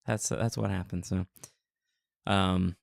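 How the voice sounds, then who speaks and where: A man co-hosting a podcast in casual chat, excitable and playfully teasing. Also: low voice, slow pace, gravelly, no room sound, clean studio sound. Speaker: podcast co-host.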